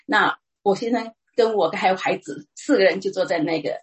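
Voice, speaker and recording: A middle-aged woman giving a personal church testimony, retelling it in a lively, chatty way with frequent restarts. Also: mid-range voice, brisk.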